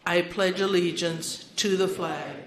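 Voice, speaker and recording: There's slight background noise as an older woman, her voice lowish, steady and unhurried, runs a seniors' meeting in a large hall. Microphone in hand, she gives practical, well-ordered announcements with a touch of self-mocking humor and leads the group in prayer.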